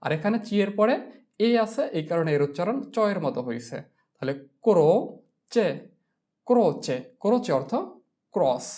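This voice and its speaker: A woman's voice: lowish voice, expressive, normal speed, pauses often, dark tone. A woman teaching a language lesson, spelling words out syllable by syllable and repeating each word several times. She speaks Bengali with a Bangladeshi accent.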